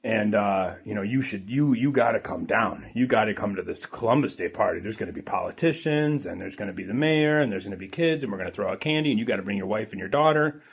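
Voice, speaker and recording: A man's voice: lowish voice, animated, fast, few pauses, husky. A man, middle-aged, telling a personal story to his viewers in a rambling, earnest way, often repeating phrases. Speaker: vlogger. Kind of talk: casual storytelling to camera.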